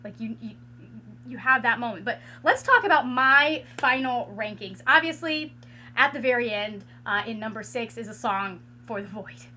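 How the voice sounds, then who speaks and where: Woman book vlogger, hoarse and raspy, bright tense tone, higher-pitched, casual home chat full of fillers. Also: moderate pace, a little hiss or hum. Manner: rambling, many filler likes and restarts. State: hoarse after losing her voice. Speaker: book reviewer. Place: at home with a ring light.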